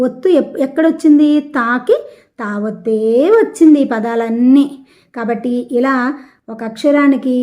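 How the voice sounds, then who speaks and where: A woman from the Telugu-speaking south of India teaches a language lesson, taking each textbook word slowly and repeating its syllables so pupils can follow. Her voice sits a little high. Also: dark tone. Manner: slow, deliberate, repeating words and syllables for pupils. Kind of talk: classroom lesson explaining a textbook exercise.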